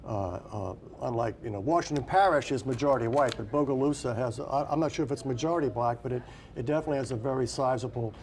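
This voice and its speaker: A man's voice: medium pitch, quick pace, a little mellow. A man giving unscripted live election analysis in a conversational way, correcting himself as he works through his thoughts. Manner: conversational, hesitant phrasing with self-corrections.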